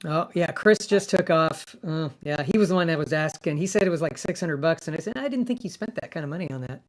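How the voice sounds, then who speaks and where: A man hosting a casual livestream, his voice pitched up and sped up by a sample rate mismatch on his mic rig, rambling and amused at himself. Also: expressive, quick pace. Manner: rambling, self-amused, thinking aloud. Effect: pitched-up chipmunk sound from a sample rate mismatch. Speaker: livestream host. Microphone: streaming mic rig.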